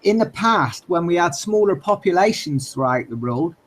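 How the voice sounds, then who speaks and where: Male podcast co-host from the UK, husky and slightly high, measured and thoughtful. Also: expressive, low-quality recording. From United Kingdom. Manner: thoughtful, hedging with fillers. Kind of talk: casual discussion.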